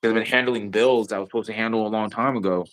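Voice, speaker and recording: Low-voiced guy rambling on his stream, swears a lot, says "and all that" constantly. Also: fairly even intonation, quick pace, a bit bright. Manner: rambling, profane, heavy filler phrases. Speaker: live streamer. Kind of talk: casual chat on a live stream.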